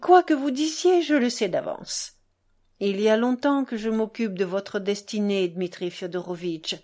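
A woman reading an audiobook, voicing an excitable, domineering middle-aged society lady who talks over everyone. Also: normal speed, close to an everyday voice. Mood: gushing. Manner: high, breathless, talks over others.

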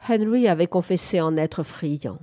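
A woman reading a novel aloud as narrator, in a calm, measured manner. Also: lowish voice. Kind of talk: audiobook narration.

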